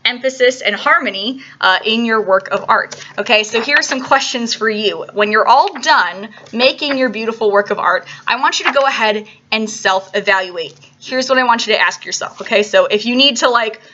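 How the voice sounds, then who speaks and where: A woman's voice: fairly high pitch, moderate pace, hardly any pauses, sharp tone, lo-fi sound, a little hiss or hum. A woman teaching an art lesson to young children on video, upbeat and coaxing, often checking in with "all right?" between steps.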